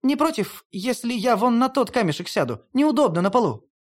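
A reader voicing a proud, haughty female goddess of death in an audiobook, speaking high and pleading. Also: big pitch swings, fairly quick. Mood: coaxing. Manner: lofty, pleading, high-pitched.

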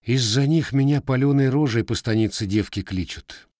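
A man plays a guarded, scarred young Cossack who speaks in plain, blunt village language, lightly acted and pitched above his own natural voice. His mid-range voice is a little mellow at a normal speed, captured in clean studio sound with no room sound.

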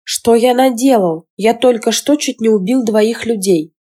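A brooding young boy mage, voiced by a woman reader, speaks slowly and quietly in a dark, mellow voice. It is the inner voice of a fantasy storybook hero. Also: on the high side, voice pushed up. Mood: remorseful.

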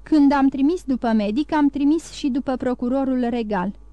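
A woman voicing a calm, grave male count disguised as a priest, speaking in a measured way, in an audiobook. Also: high-pitched, dry recording, close to an everyday voice.

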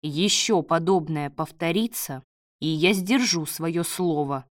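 A woman reading the part of a gruff, hungover male doctor who speaks curtly and snaps orders. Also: on the high side, slow pace, no echo, studio quality. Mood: weary. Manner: curt, snapping orders.

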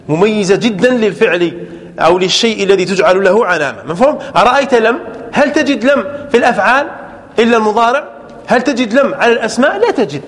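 A male teacher leads a grammar lesson with a very high, animated voice that leaps around as he explains. He repeats key words, fixes his own slips, and keeps stopping to check that his students follow. His voice trails off into a long reverb. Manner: keeps checking the listeners understand; repeats words, corrects himself aloud.

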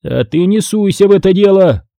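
A man's voice: high-pitched, very animated, a little fast, mellow, no echo, clean studio sound, pitched above the performer's own voice. A stern, irritated father, read by a man. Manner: curt commands.

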